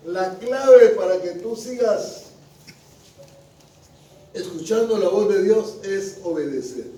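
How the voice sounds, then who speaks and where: A man's voice: high voice, dark tone. A male pastor preaching a sermon, often asking the congregation questions. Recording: echoey room with the mic at a distance.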